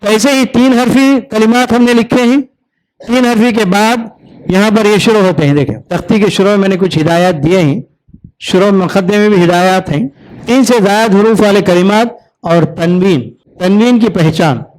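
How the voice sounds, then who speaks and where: A man teaching other teachers to read Arabic script, drawing out each syllable in slow repetition drills between plain explanations. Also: high-pitched, a little mellow, low-quality recording. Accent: Indian Urdu-Hindi speaker. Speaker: Arabic reading teacher training instructors. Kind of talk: classroom lesson.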